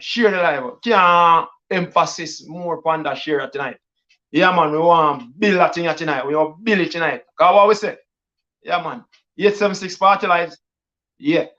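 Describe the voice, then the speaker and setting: Hyped Jamaican man hosting a stream. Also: fairly high pitch. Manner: patois-laced hype talk, repetitive shout-outs. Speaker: DJ and livestream host. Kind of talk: casual live-stream chat. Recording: dull lo-fi stream audio.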